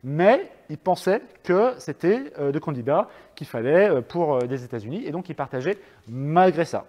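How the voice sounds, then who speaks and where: French guy giving a talk, kinda high voice, lots of euh and restarts, echoey hall. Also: very animated, moderate pace, darkish tone. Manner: conversational, hesitant, many fillers and restarts. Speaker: speaker giving a public talk. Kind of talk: lecture with audience questions. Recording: long reverb of a hall.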